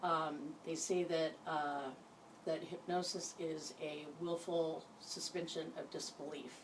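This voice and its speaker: A woman leading an informal guided hypnosis session, giving gentle instructions in a halting way. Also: low voice, steady tone. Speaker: hypnosis practitioner. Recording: distant mic, faint background noise.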